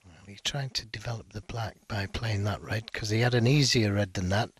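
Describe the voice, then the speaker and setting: A man giving hushed live snooker commentary in a measured, analytical and understated way. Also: fairly low pitch, slightly rough.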